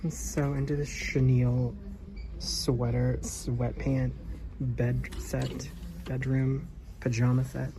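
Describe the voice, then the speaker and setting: A woman's voice: extremely low pitch, level tone, takes it slowly, noisy background. A woman travel vlogger chatting casually to a handheld camera, rambling with lots of fillers, while walking through city streets and in a hotel room. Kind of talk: casual vlog chat to camera.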